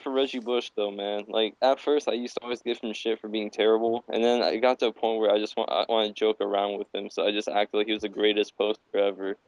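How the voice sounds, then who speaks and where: A fairly low-pitched man calls in to a podcast, his voice dropping and breaking up over a poor connection. He talks loosely and rambles, with casual swearing. The line sounds distant at times. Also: little pitch movement, quick pace, few pauses, no echo, dull audio. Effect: breaking-up bad call connection. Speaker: podcast co-host calling in remotely. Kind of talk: casual sports chat. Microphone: remote call line.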